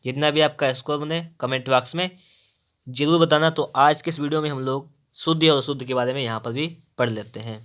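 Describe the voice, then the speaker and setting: A man's voice: medium pitch, steady tone, brisk, fairly bright tone. Guy teaching hindi spelling for exams, says each word twice, asks himself then answers. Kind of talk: exam-prep spelling lesson.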